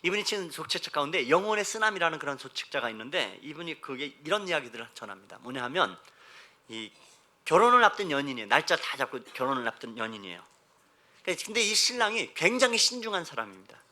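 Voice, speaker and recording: A male pastor delivering a sermon in a church, with a high voice and a very bright, cutting edge. He keeps calling out to his congregation and swings between hushed storytelling and loud, emphatic exhortation. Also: big pitch swings, fast. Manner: addresses the congregation repeatedly, emphatic preaching. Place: church sanctuary.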